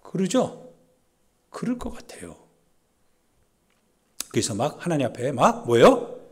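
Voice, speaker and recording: A man pastor giving a Sunday sermon in a church service, talking conversationally and swinging from loud pleading to hushed asides. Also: fairly high pitch, big pitch swings, a little slow, breathy edge.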